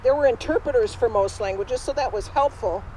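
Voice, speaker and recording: A woman's voice: a little high, brisk, warm tone, slight background noise, close to an everyday voice, rough recording. A woman in costume playing a spirited, independent Norwegian immigrant woman, telling her story in first person straight to a live audience outdoors. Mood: chatty. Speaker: costumed re-enactor. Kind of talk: first-person historical re-enactment. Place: outdoors at a cemetery.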